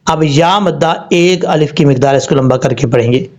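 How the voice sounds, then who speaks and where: A man teaching Quran recitation rules, explaining step by step and spelling words out slowly. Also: fairly high pitch, a little mellow. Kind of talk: tajweed lesson. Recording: dull lo-fi sound.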